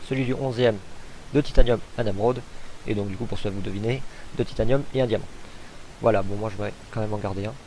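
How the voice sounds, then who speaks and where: Casual gamer narrating gameplay. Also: male voice, on the low side, steady tone, fast talker, mellow, a little hiss or hum, low-quality recording. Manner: chatty, hesitant, thinks aloud with fillers. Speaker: gamer showcasing a mod.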